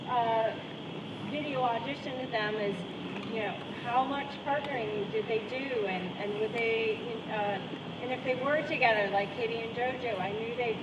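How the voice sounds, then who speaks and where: A woman's voice: a little high, lo-fi sound. Rambling woman hosting an outdoor Q&A. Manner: chatty, rambling, self-interrupting. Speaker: choreographer and director hosting a post-show Q&A. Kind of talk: casual outdoor post-show Q&A. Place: outdoor performance space. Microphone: handheld mic held away from mouth. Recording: distant echoey outdoor sound with loud traffic noise.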